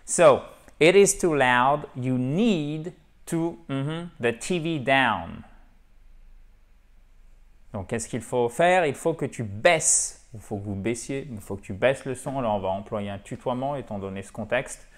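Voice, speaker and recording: Animated male teacher with whiteboard. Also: mid-range voice, a little slow. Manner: animated, repeats and checks in with "d'accord?" and "ok?"; mixes French with English example phrases. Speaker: English teacher. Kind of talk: French-language English lesson at a whiteboard. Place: classroom-style room with a whiteboard.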